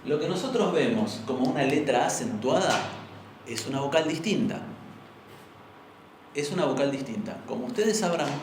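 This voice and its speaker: In this very echoey room, a distant microphone records a young adult man with an Argentine Spanish accent over a noisy background. He teaches an informal university class in a mid-range voice, patiently explaining and repeatedly seeking the class's agreement.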